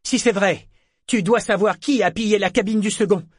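A fierce woman pirate snaps out cold orders, voiced by a man reading a novel aloud. The voice is pushed high above his own and rings out loud and hard. The recording is dry and close, with no room around it. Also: a little fast, dry recording, natural voice. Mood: commanding. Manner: cold, sharp, commanding.

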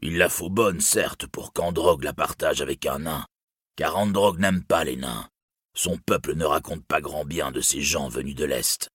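A man's voice: a bass voice, normal speed, a bit bright, slightly rough, no echo, studio quality, exaggerated voice. A man doing a harsh, menacing outlaw. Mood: scornful. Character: wounded, bloodthirsty male outlaw, hostile and mocking.

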